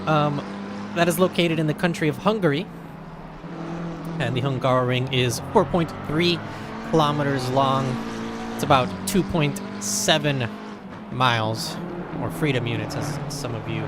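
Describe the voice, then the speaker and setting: An American race commentator offers casual, chatty commentary on a sim racing qualifying session. His mid-range voice moves at a measured pace with frequent pauses. Loud game engine noise plays behind him.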